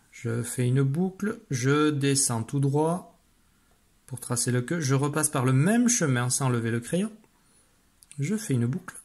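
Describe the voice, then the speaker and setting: A man with a slightly husky voice teaches young children in a recorded video lesson. He speaks patiently and explains each step slowly and carefully, at a middle pitch.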